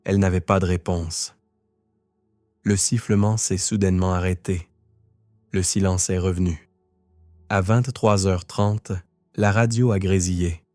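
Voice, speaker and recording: A man reading a first-person horror story in a tense, measured way. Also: deep voice, warm tone, no echo, studio quality. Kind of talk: scripted horror narration.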